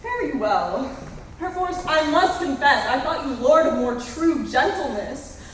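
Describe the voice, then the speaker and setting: A woman's voice: high voice, expressive, unhurried, slight background noise. A young woman playing a lovelorn young Athenian woman in a school stage play, pleading and plaintive. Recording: echoey hall from far off.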